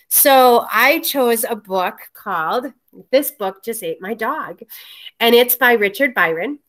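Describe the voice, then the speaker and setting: A woman who teaches school media presents informally to her colleagues on a video call, her voice a little high and fairly bright. She's in a small room, picked up by a webcam or laptop mic.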